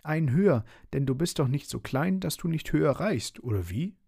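A man's voice: on the high side, animated, moderate pace, gravelly, dark tone, breathy edge, pitched above the performer's own voice, exaggerated voice. A man voicing a small, cheeky, fearless creature in a bedtime storybook reading, with a chirpy, mock-polite manner.

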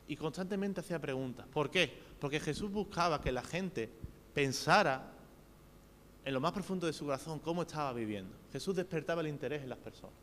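Spanish preacher in a reverberant hall. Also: male voice, fairly high pitch, animated, a little fast, fairly bright tone. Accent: Spain Spanish. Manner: earnest, addresses listeners directly with rhetorical questions. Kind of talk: sermon. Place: church hall. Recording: reverberant hall with faint hum.

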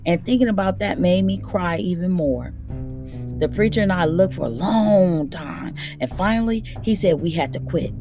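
A woman reading a children's novel aloud in a steady, plain storytelling manner. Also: fairly low pitch, normal speed, over music. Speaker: audiobook reader.

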